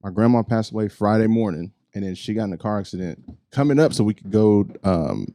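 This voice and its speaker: A man talking casually on a podcast, reflective and pausing often with "um" as he shares his thoughts. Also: lowish voice, lively intonation, mellow, dry recording. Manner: reflective, pauses with "um". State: married one year. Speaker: podcast co-host. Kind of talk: casual chat.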